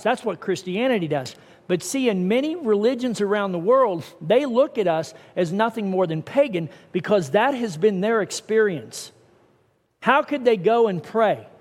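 High-voiced middle-aged preacher in a reverberant hall. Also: male voice. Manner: earnest, conversational preaching with rising emphasis. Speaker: pastor. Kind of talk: sermon.

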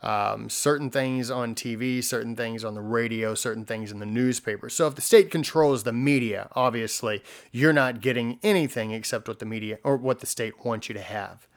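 A man co-hosting a history podcast in casual chat. He tells the story in an animated way, filling pauses with lots of ums and likes. His pitch sits in the middle. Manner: animated storytelling, many fillers. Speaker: podcast co-host.

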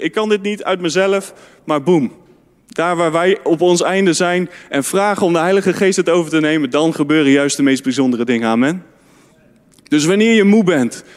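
A man preaching a fervent sermon to a youth congregation in a church hall, often calling out amen and hallelujah. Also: a little high. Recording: long hall reverb.

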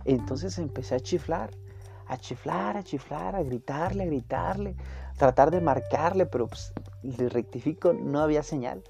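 A man's voice: a little high, normal speed, vocal fry, mellow. A young man with a Mexican accent tells a story in a casual, slangy way and acts out the dialogue as he goes.

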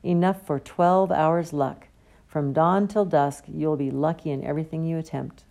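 A woman's voice: low-pitched, steady tone, normal speed, vocal fry, darkish tone. A woman voicing a genial, pompous older male potions teacher who talks theatrically.

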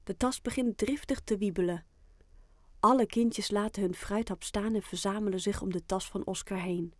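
A woman narrating a children's audiobook in a calm, clear storytelling manner. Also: mid-range voice, moderate pace, dry recording, studio quality.

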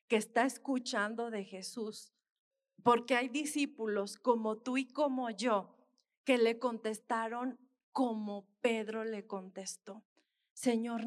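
Woman preacher, high-pitched, deliberate pace, sincere testimony that keeps calling out to the brothers. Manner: earnest storytelling, repeatedly addressing listeners as brothers. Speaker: missionary dentist. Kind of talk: testimony sermon to a congregation.

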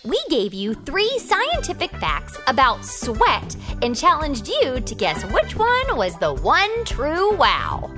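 A zany woman host of a children's audio comedy. Her voice is high and extremely animated, with a theatrical, exaggerated delivery over prominent music. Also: slow, few pauses, heavily acted. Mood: bubbly, showy. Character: zany, excitable woman game show host with eccentric ideas. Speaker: co-host of a children's science game show podcast.

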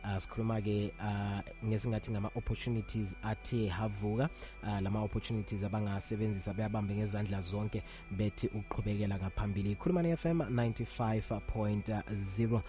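A man with a Zimbabwean accent hosting live radio, speaking hesitantly with drawn-out filler sounds as he presents. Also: fairly low pitch, fairly even intonation, dark tone, faint music behind. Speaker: radio host. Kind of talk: live radio presenting, reading listener questions.

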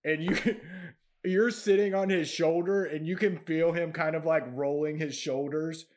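A man's voice: a little high, unhurried, slight background noise. Laid-back man running a tabletop game. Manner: laughing, loose, relaxed storyteller. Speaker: game master.

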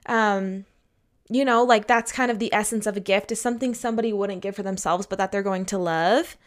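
A woman's voice: medium pitch, steady tone, brisk. A woman talking casually and candidly in an upbeat advice vlog, emphatic and chatty, laying out her points in an organized way. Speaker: advice vlogger.

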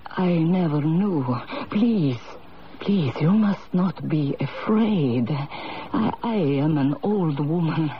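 An actress playing a very old Italian fortune teller in a radio drama, speaking with an Italian accent in a halting, solemn, mystical way. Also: female voice, low-pitched. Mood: pleading, solemn. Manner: halting, slow, solemn and beckoning mystical delivery. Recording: dull lo-fi radio recording with hiss.

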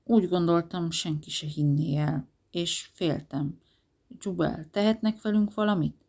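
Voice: medium pitch, steady tone, vocal fry, a little mellow. A reader voicing a timid, worried young woman who asks hesitant, anxious questions in an audiobook.

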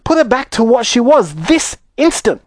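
Casting: horrified middle-aged mother, shrill, high-pitched screamer, frantic and demanding. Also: sing-song, moderate pace, a little mellow, no room sound, clean studio sound. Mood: indignant distress.

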